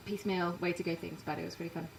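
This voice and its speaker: English lady musician chatting fast, bit of echo, faint hum behind. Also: on the low side, fairly even intonation, gravelly, recorded from a distance. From England, raised partly in Canada. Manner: quick, chatty, self-deprecating. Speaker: musician guest. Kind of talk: casual interview chat. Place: inside a parked trailer.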